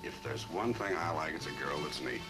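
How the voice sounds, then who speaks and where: A man's voice: extremely low pitch, expressive, fairly quick, over music, rough recording. An actor playing a suave, tough male club owner in a classic TV crime drama, cool and commanding. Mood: flirty. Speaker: lead detective character. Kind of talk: 1950s TV crime drama acting.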